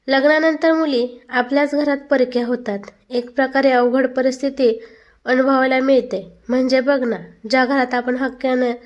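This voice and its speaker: A woman with a high voice reads out a family story. She speaks every character's lines herself in one steady storytelling voice. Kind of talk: scripted story narration.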